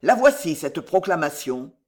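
A reader voicing an excitable, jovial one-armed man who talks in loud exclamations. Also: mid-range voice, unhurried, breathy edge. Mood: earnest. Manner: exclamatory, lively.

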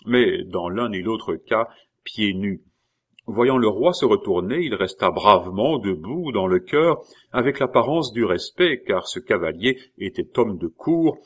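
A man reading a historical novel aloud in a measured, even storytelling manner. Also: on the low side. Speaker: audiobook reader. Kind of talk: scripted narration of a historical novel.

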